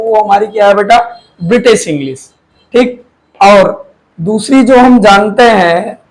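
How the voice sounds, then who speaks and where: Guy with a high voice teaching a lesson, asks a question then answers it himself. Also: rough recording. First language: Hindi. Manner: repeats key terms, quizzes students and answers himself. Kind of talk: classroom lecture.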